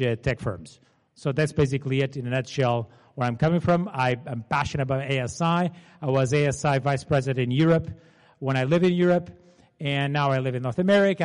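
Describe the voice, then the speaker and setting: Speaking in a mid-range, slightly mellow voice, a Portuguese-accented presenter in his 40s delivers a chatty, informal seminar. He frequently checks with the audience for confirmation. A long, hall-like reverb fills the seminar room recording.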